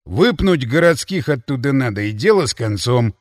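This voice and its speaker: Man voicing a drunk young guy, slurring, sneering, slow, dry close sound, audiobook. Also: mid-range voice, very animated, no room sound, close to an everyday voice. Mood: surly drunk.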